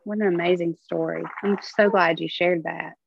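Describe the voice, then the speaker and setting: A woman's voice: lowish voice, steady tone, moderate pace, gravelly, lo-fi sound, slight background noise. A woman co-hosting a casual faith chat, affirming and encouraging her partner. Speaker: co-host of a faith show.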